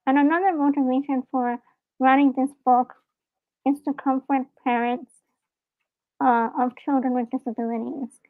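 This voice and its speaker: A woman's voice: high-pitched, fairly even intonation, moderate pace, dry recording. A woman from Hong Kong, an author being interviewed live over a call, speaking earnestly and reflectively. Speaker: author and guest. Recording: dry, phone-like call audio.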